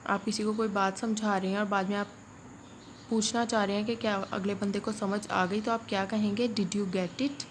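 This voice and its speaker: A woman, teaching English phrases in a spoken lesson and patiently repeating each one slowly. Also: mid-range voice, flat delivery. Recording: faint background noise.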